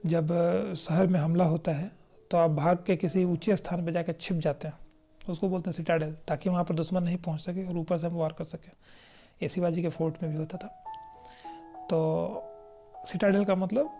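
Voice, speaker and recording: Mellow-voiced vocabulary teacher. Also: medium pitch, little pitch movement, soft background music. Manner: explanatory, checks in often with "right?"; slows down to read definitions aloud. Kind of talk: exam-prep vocabulary lesson.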